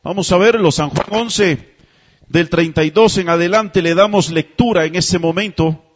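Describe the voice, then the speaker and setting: A man's voice: high-pitched, moderate pace, lo-fi sound. A man preaching a sermon, chatty and full of rhetorical questions, who keeps asking the congregation to repeat phrases after him. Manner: conversational, asks rhetorical questions. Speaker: pastor.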